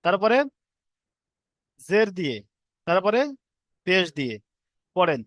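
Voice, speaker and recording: A man teaching an online class on reading letters, who chants drawn-out letter sounds between quick explanations. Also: high-pitched, expressive, a bit bright, dry recording, studio quality. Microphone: own microphone on an online call.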